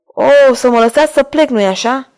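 A woman voicing a frightened, pleading young woman in a storybook reading, emotional and raised in pitch. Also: a little mellow. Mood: hopeful.

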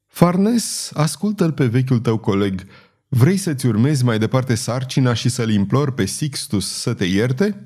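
Icy scheming churchman, as a man puts him on, urgent and pressing, darkish mellow tone. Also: mid-range voice, animated, natural voice. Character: scheming older male churchman, cold and insistent.

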